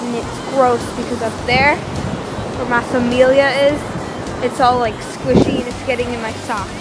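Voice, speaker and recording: A young woman casually narrating a handheld vlog outdoors, in an excitable, exclaiming manner. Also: fairly high pitch, measured pace, low-quality recording. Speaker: vlogger. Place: outdoors on a beach. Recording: outdoor beach recording with music.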